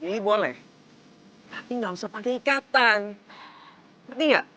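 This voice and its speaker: A man's voice: high-pitched, sharp tone. A young actor with a Jakarta accent playing a blunt, hot-tempered male driver who talks in brash slang. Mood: irritated. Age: young adult. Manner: quick to snap, brash slang.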